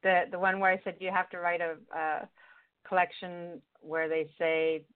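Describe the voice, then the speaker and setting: A woman's voice: lowish voice, little pitch movement, moderate pace, clean tone, dry recording. A woman hosting a call-in show, chatting casually with callers and calling them pet names, her voice coming through with a tinny tin-can phone sound. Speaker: radio call-in show host. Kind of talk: casual on-air chat with callers. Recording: tinny narrow-band line.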